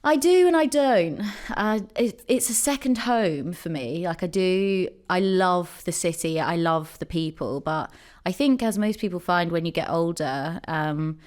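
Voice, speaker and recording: Woman, thirties, from jersey, low pitch, smooth, casual interview chat. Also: expressive, unhurried, hardly any pauses, darkish tone. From Jersey, Channel Islands. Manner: chatty, many ums and likes. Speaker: podcast guest, company co-founder.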